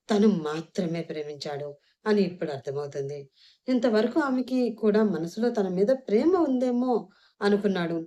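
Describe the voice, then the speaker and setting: A woman narrating an audio novel with dramatic, expressive storytelling. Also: on the low side.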